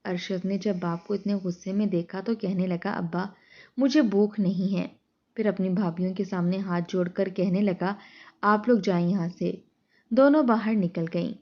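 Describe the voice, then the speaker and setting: A woman narrates a heartfelt story in a steady, plain reading voice at a middle pitch. The sound is a little dull and lo-fi, like a modest home recording.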